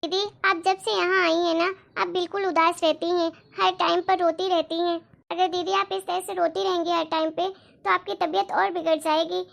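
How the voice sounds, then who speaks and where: A woman voicing a caring young sister-in-law in a cartoon story, softly persuading and gently scolding. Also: very high-pitched, level tone, moderate pace, vocal fry, muffled recording, full character voice. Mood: gently persuasive. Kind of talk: Hindi cartoon moral-story voice acting.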